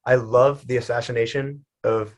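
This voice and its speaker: A young man talking easily about a film with his friends. His speech is relaxed and loose. He keeps dropping "like" and "dude" into his sentences. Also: medium pitch, moderate pace. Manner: laid-back, lots of "like" and "dude". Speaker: podcast guest. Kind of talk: casual movie chat.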